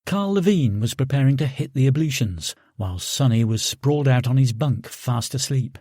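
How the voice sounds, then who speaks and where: A man narrating an audiobook in a calm, steady reading voice, close to the mic. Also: mid-range voice, moderate pace, no room sound. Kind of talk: scripted narration.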